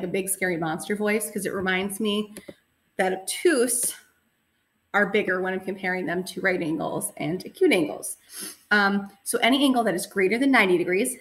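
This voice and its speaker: A woman teaching a recorded math lesson in a mid-pitched voice. She explains patiently and step by step, and often pauses with an um before going on. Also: fairly bright tone.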